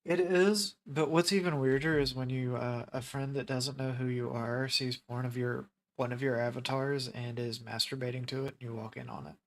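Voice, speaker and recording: Male co-host, mid-pitched, dry deadpan jokester. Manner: jokey, deadpan, many quick affirmations. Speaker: podcast co-host. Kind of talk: casual chat.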